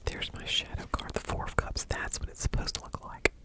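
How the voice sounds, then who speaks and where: An ASMR host speaking in a soft whisper, halting and unhurried, as if sharing things casually with viewers.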